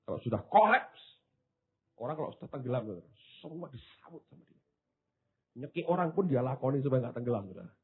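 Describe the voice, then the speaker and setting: A man preaching a sermon, swinging from hushed asides to loud exclamations, with casual slang jokes. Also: medium pitch, very animated, fast, slightly rough. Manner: drops into casual Javanese-flavoured slang for humour. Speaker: pastor. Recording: tinny phone-like sound.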